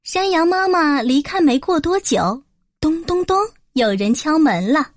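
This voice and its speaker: A woman tells a children's fairy tale in a clear and measured way. Her voice sits high, and the recording is dry and close. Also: animated, no echo. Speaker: storyteller. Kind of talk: children's story narration.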